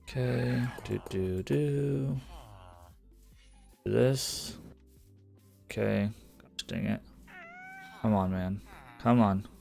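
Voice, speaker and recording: In a lowish, warm, steady voice with vocal fry, a man streams a survival game slowly, pausing often. He chats loosely and mutters to himself, sometimes cursing quietly when things go wrong, while faint lofi music plays.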